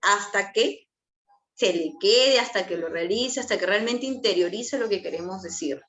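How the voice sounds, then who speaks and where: A woman giving a class on early childhood language, talking in a lively way and acting out how adults speak to small children. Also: mid-range voice, moderate pace. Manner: lively, acts out child-directed speech. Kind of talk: online class lecture.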